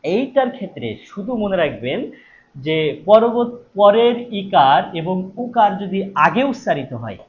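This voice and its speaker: Man, high voice, live online teacher, repeats questions and answers them, dull lo-fi sound, faint hiss. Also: measured pace. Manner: animated, stressing key words louder. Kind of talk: live online exam-prep class. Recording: dull lo-fi stream audio with faint noise.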